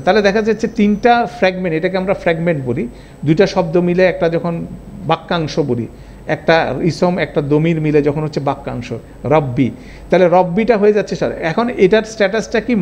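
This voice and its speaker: Man teaching grammar, high-pitched, repeats forms and checks understanding. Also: a little hiss or hum. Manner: explains step by step, repeats forms, asks checking questions. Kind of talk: online class lecture.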